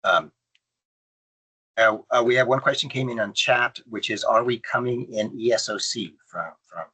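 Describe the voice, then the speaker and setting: A man's voice: medium pitch, moderate pace, sharp tone, breathy edge, poor audio. A man on a video call giving informal advice in an online meeting, hesitant and repeating words as he starts sentences.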